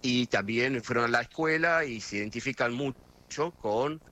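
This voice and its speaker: His voice is medium in pitch, bright and forceful, moving at a moderate pace. He is a middle-aged man from near Buenos Aires with the local Argentine accent, phoning into a radio interview as a guest correspondent, talkative and prone to hesitating and starting over.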